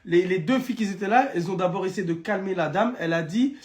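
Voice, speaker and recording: Brief: young man, higher-pitched, animated storyteller speaking straight to viewers in a casual stream. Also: fast talker. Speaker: guest telling his story. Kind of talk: casual live-stream chat.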